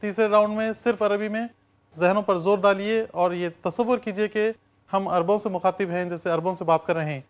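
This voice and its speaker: High-voiced man leading a chanted drill. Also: steady tone. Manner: brisk, chanting word forms. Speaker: teaching assistant leading drills. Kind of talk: call-and-response drill.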